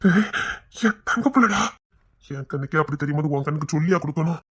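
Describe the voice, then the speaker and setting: A performer in a family drama skit yelling angrily and scolding someone to come outside. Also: medium pitch, fast, breathy edge. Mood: doting. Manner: loud, scolding outbursts.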